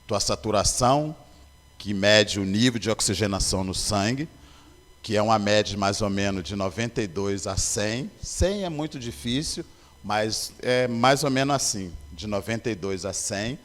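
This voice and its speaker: A man with a lowish, slightly bright voice gives a personal testimony in a church sanctuary at a moderate pace. He tells his story earnestly and acts out the dialogue, with the long reverb of a church hall on the recording.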